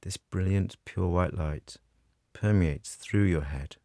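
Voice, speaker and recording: A man guiding a scripted meditation in a soothing, measured way with long pauses. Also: sits low, warm tone, no room sound, clean studio sound. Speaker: meditation guide. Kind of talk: guided meditation narration, scripted.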